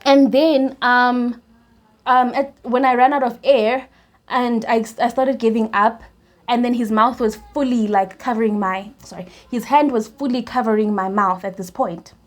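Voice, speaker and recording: Young south african woman doing a storytime vlog, bit high voice, keeps laughing and restarting lines. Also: fairly even intonation, normal speed. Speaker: YouTuber.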